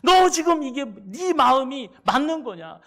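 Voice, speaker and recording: A man voicing God as an exasperated father, shouting rebukes at his son in a sermon. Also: very high-pitched, big pitch swings, unhurried, pitched above the performer's own voice, full character voice. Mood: exasperated scolding. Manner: shouting rebukes, rhetorical questions.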